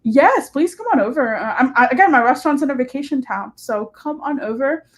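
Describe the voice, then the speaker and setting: High-pitched and lively in intonation, this young adult woman talks a little fast as a guest on a live-streamed interview. She hosts short-term rentals and manages a hotel, and her upbeat, chatty talk is packed with "like" and "um."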